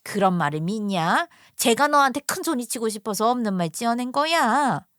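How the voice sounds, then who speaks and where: A woman's voice: fairly high pitch, expressive, moderate pace, a bit bright, no room sound, studio quality. A woman voicing a spiteful, greedy older mother-in-law who scolds and sneers in a story radio drama. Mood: scornful. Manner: scornful, scolding, contemptuous.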